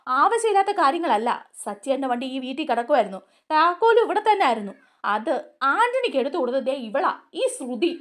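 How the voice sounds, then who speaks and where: A woman's voice: high voice, big pitch swings, fast, a bit bright. A woman voicing Sharath, an angry accusing young man. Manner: heated, accusing.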